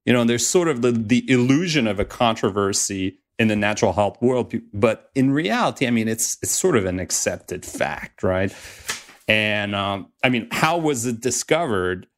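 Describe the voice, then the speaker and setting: A man's voice: fairly low pitch, animated, moderate pace. A man chatting casually on a podcast, telling rambling personal anecdotes.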